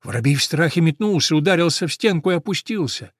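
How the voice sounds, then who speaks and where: A man narrating a storybook in a calm, mournful way. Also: a little high, quick pace, husky, no room sound, studio quality. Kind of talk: storybook reading.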